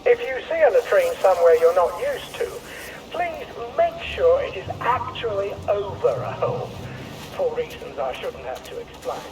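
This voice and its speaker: An actor playing a male camp announcer reading deadpan official notices over a loudspeaker. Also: sits high, normal speed, full character voice. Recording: echoey loudspeaker from far off.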